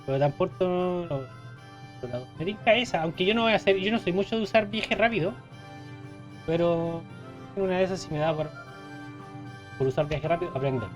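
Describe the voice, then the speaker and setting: A man's voice: sits high, expressive, fairly quick, long pauses, faint music behind. A man with a Chilean accent giving casual, joking let's play commentary, reading game text aloud. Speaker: gaming streamer.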